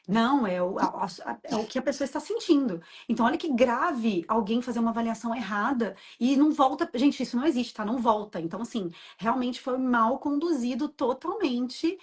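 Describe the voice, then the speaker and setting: A woman's voice: a little high, lively intonation, fairly quick, hardly any pauses, breathy edge. A woman host and childbirth educator, explaining things in an emphatic, passionate way. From Brazil. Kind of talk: casual interview chat.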